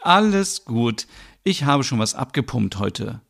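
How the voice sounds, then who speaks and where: A man voicing a brisk, practical young mother in a one-man audio soap, giving instructions. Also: mid-range voice, sing-song, creaky, fairly bright tone, heavily acted. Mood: firm.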